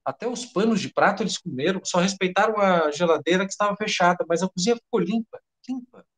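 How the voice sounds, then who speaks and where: A man's voice: high-pitched, fast talker, fairly bright tone, voice pushed up. A man with a Brazilian Portuguese accent reading the part of a frightened head cook who babbles breathlessly and swears by his mother. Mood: rattled. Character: panicked middle-aged male head cook.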